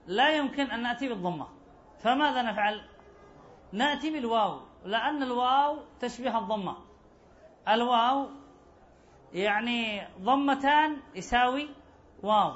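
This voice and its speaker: A man's voice: very high voice, fairly bright tone, slight background noise. A man teaching an Arabic grammar lesson. He repeats key phrases and asks his class rhetorical questions. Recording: dull lo-fi recording.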